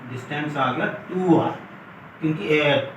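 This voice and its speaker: A man's voice: on the high side, a little slow. A man teaching physics in a classroom, explaining step by step and calling his students "beta". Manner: explains step by step, mixes English terms, calls students "beta". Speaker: physics lecturer. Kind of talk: classroom lesson at a board. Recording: echoey room from far off, faint noise.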